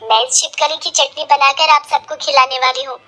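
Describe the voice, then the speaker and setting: A woman's voice: high-pitched, little pitch movement, normal speed, sharp tone. A woman voicing a cheerful, naive young foreign daughter-in-law in a cartoon story, talking chirpily and innocently.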